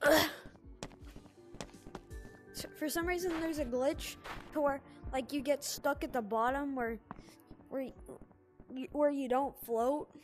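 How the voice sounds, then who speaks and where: A woman giving casual, excitable gameplay commentary, rambling and stumbling over her words as she plays. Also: high voice, slow pace, long pauses, soft background music. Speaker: gaming video creator.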